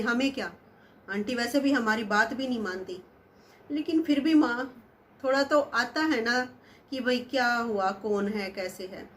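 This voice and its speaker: A woman's voice: fairly high pitch, slight background noise, close to an everyday voice. A woman voicing a worried, curious young daughter who pleads earnestly with her mother.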